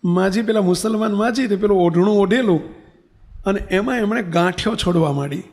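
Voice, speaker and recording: A man's voice: high-pitched, fairly quick, darkish tone. A man, a monk preacher, telling a story in a sermon and acting out the dialogue vividly.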